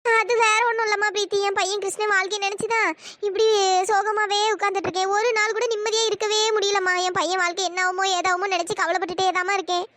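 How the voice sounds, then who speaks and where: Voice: very high voice, little pitch movement, fast, sharp tone. A performer doing a fretful older mother-in-law. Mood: worried. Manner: sighing, lamenting. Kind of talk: cartoon storytelling dialogue.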